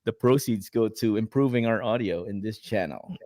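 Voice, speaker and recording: With a lowish, somewhat dark voice at normal speed, this Filipino-accented co-host meanders through a casual chat show, stuffing his talk with fillers and the occasional laugh. The recording is dry and studio quality.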